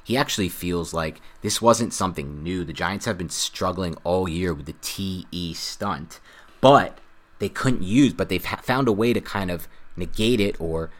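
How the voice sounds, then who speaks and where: A low-voiced man hosts a football podcast at a normal speed, chatting loosely and casually with plenty of asides.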